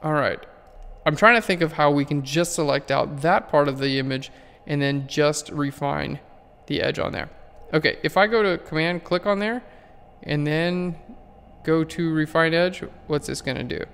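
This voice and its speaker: A man's voice: fairly high pitch, normal speed, gravelly, fairly bright tone, clear, resonant tone, big-room sound. A man walking through a photo-editing tutorial in a casual, rambling way that keeps correcting itself. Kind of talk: screen-recorded software tutorial.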